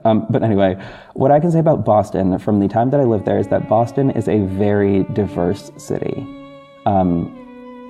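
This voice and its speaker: This man's voice is warm and on the low side, heard over a music bed. He's a podcast host and audio drama creator chatting casually and solo to his listeners, gushing and effusive in a very informal way.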